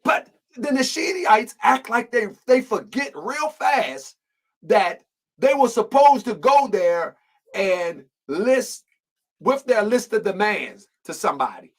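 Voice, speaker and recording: A man's voice: sits high, big pitch swings, takes it slowly, poor audio. A man hosting an online show, delivering an impassioned commentary monologue full of rhetorical questions and repeated phrases.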